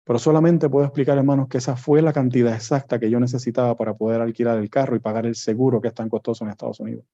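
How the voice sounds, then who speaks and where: A man's voice: mid-range voice, fairly even intonation, very fast, mellow, lo-fi sound. Puerto Rican man preaching a testimony. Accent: Puerto Rican Spanish. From Puerto Rico. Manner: storytelling, acting out quoted dialogue. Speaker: guest preacher. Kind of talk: sermon testimony.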